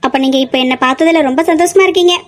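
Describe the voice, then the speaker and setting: Woman as a pouting young sweetheart, high voice, rapid talk, emotional, stubborn, audio drama. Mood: sulky. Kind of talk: amateur audio drama acting.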